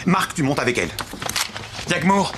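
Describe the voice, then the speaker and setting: A low-voiced, bossy, alarmed parent. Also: female voice, lively intonation, normal speed, background noise. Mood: stern, commanding. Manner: urgent, commanding, barking orders. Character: bossy, alarmed police-minded parent herding family to safety. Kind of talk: dubbed TV comedy-drama acting. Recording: loud music behind the voice. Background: music.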